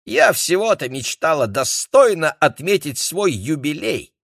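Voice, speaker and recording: A man voicing a vain, scheming middle-aged woman, raising his pitch for her haughty, snappish lines. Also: sing-song, measured pace, vocal fry, fairly bright tone, dry recording, studio quality, full character voice.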